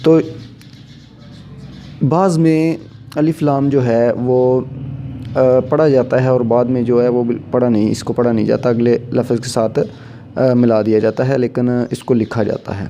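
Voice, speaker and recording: A man teaching a grammar lesson, slowly going over letters one by one and repeating himself as he explains. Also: mid-range voice, level tone, warm tone, slight background noise. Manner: slow and repetitive, spelling out letters one by one.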